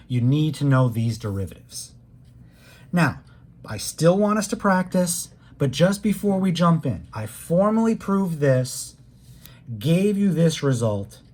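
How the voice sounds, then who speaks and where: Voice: mid-range voice, darkish tone. A math instructor giving a recorded calculus lecture, walking through each step patiently and talking straight to the students. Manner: patient step-by-step explaining, leaning on key words; plain conversational teaching, speaks straight to students.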